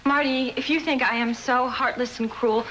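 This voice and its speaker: A woman's voice: on the high side, steady tone, normal speed, fairly bright tone, a little hiss or hum, natural voice, low-quality recording. An actress playing a distressed woman firmly breaking up with a persistent lover in a TV soap, pleading yet resolute. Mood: exasperated. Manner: pleading, firm breakup delivery. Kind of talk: television soap opera acting.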